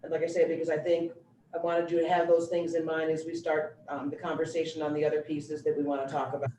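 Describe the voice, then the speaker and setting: A woman giving an informal, explanatory presentation in a measured, matter-of-fact way. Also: sits low, little pitch movement, mellow. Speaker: school district finance presenter. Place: meeting room, relayed over a video call. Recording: echoey room, distant mic, faint noise.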